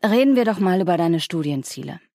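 A dry, distracted male university professor from a storybook, speaking in an unhurried, slightly absent way, voiced by a woman reading aloud. The voice sits low, and the sound is close and dead, with no room around it. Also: lively intonation, gravelly, warm tone, no echo.

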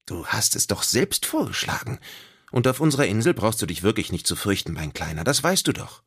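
A man's voice: on the low side, sing-song, fairly quick, a bit bright, breathy edge, pitched above the performer's own voice, heavily acted. A man voicing a sensible, kind girl in an audiobook who speaks firmly but with care. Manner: firm but caring. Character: sensible, kind girl leading her friends. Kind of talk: audiobook character voice.

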